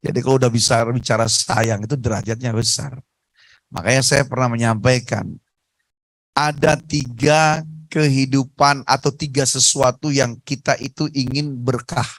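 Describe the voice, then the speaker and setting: A man preaching on a radio talk show, telling stories in a lively, emphatic way. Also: mid-range voice, normal speed, no room sound, low-quality recording. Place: radio studio.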